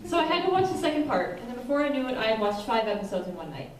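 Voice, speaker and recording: Young woman from Wisconsin, self-mocking and laughing, higher voice, echoey room, crowd noise behind. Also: sing-song, very fast. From Wisconsin, USA. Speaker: fan meetup member sharing her story. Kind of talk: casual spoken testimony to a group. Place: indoor meeting room with a group. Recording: echoey room, distant mic, noisy crowd.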